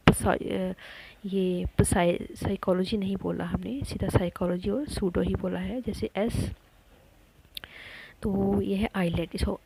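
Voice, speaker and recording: A woman teaching a lesson on her own channel, talking slowly and patiently, repeating words and pausing often with fillers. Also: mid-range voice, vocal fry, noisy background. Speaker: teacher running an education channel. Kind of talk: slow spoken lesson on spelling.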